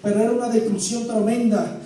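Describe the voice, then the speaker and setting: Man, emotional church testimony, animated storyteller; high, mellow voice; far mic in an echoey hall. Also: fairly quick. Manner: animated storytelling, chuckling, dramatic sound effects. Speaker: church member giving testimony. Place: church sanctuary.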